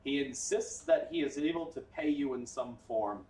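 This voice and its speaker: A man narrating as game master in a relaxed, offhand way, full of "like" and "um". He sits well back from the mic in an echoey room. His pitch is middling. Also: normal speed, distant mic. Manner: casual, explanatory, with fillers.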